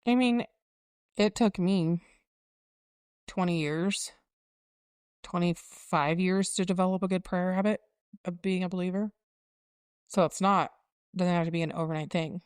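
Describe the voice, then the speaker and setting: A woman's voice: lowish voice, a little slow, pauses often, a little mellow, clean tone, no echo, studio quality. A woman in her forties co-hosting a casual faith podcast, reflective and explaining things in a teaching tone. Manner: reflective, circling back, teaching tone. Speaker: podcast co-host.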